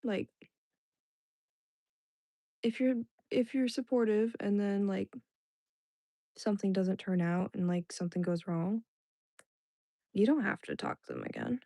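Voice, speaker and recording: In a dry recording, a young woman whose first language was Indonesian hosts a livestream, chatting casually and ramblingly with her viewers, full of "like"s, fillers and restarts. Her medium-pitched, warm voice moves at a measured pace with long pauses.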